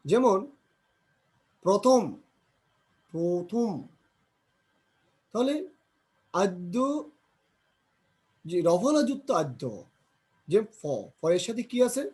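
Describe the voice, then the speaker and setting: Slow, husky man teaching word pronunciation. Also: sits high, animated, a little mellow. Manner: repeats example words and asks himself questions. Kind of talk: grammar lesson, slow drilling of word pronunciation.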